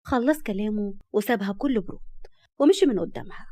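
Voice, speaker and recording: A woman with an Egyptian accent reading a story aloud in a brisk, lively way. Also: medium pitch, no room sound, clean studio sound.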